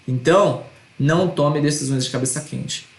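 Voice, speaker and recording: A man's voice: fairly high pitch, moderate pace, roomy sound. A man teaching an online course lecture, earnest and repeating his points with tag questions.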